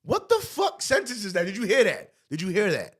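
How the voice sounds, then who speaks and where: A man, hosting a podcast and reacting to a clip in loud, profane, mocking commentary. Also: sits high, huge pitch swings, fairly quick, slightly rough. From Brooklyn, New York. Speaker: podcast host.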